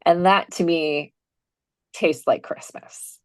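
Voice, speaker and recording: A woman's voice: lowish voice, steady tone, slow, darkish tone, no room sound. A woman pastor from North Dakota, a podcast guest chatting casually with lots of "like". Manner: chatty, filler "like". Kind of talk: casual panel chat.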